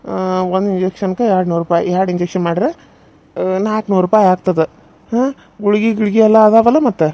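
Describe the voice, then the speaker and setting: A performer voicing a reassuring small-town male doctor with a North Karnataka Kannada accent, who speaks in a calm, matter-of-fact way. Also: medium pitch, brisk, pauses often, close to an everyday voice.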